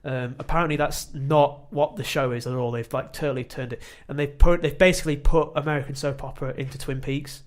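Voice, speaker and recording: A man co-hosting a casual chat podcast, rambling and self-deprecating, with sudden animated bursts. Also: mid-range voice, brisk, hardly any pauses. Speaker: podcast co-host.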